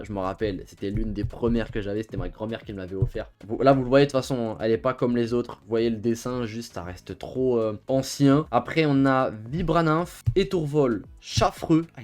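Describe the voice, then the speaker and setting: A man's voice: medium pitch, a little mellow. A young man hosting a casual show-and-tell video, chatty and enthusiastic with lots of slang. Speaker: YouTuber. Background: faint background music.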